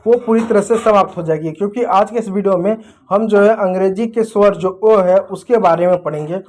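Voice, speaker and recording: High-voiced man teaching. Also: a little fast, darkish tone. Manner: explains step by step, asks the viewer questions; writes on a board while talking. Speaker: English teacher. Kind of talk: classroom lesson.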